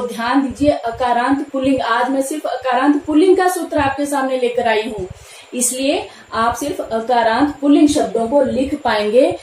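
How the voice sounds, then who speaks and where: A woman's voice: high voice, a little mellow. A woman teaching Sanskrit grammar step by step, patiently repeating the key terms. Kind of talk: classroom lesson explaining grammar. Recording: echoey room, faint background noise.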